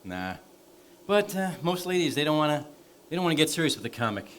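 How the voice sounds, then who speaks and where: An actor on stage playing an eager small-time comic from New York, brash and chatty. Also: male voice, fairly high pitch, sing-song, fast talker, a little hiss or hum. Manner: brash, wisecracking showbiz patter. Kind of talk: stage play acting.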